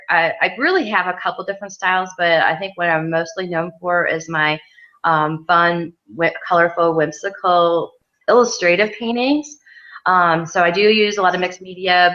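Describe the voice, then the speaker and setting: Woman guest, chatty and filler-heavy, lowish voice, muffled recording. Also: bright, forceful tone. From Western New York. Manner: chatty, many ums, laughs easily. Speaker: mixed media artist, guest. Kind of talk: casual interview chat. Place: outdoor art studio. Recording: dull lo-fi sound.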